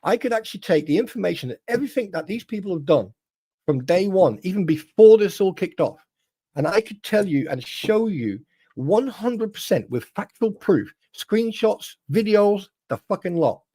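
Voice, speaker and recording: Emphatic man, higher voice. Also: sing-song, normal speed, warm tone, breathy edge. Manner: emphatic, swears, many restarts. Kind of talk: casual livestream chat.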